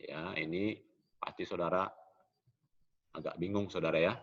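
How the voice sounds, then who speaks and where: A middle-aged man preaching a sermon in a church, in an animated preaching manner that often drops low at the end of phrases. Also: normal speed, slightly rough, muffled recording. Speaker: pastor.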